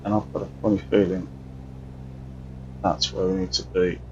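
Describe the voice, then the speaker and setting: A man's voice: deep voice, flat delivery, moderate pace, warm tone, dull audio, a little hiss or hum. A man chatting casually and rambling through live flight sim commentary, often restarting his sentences. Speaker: streamer.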